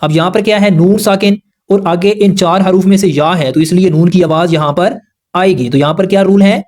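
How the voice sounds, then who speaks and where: A man with a fairly high voice, teaching a lesson on recitation rules. He explains carefully and patiently, going over each rule again in plain words so beginners can keep up. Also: darkish tone. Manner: patient, explanatory, repeats rules slowly and simply.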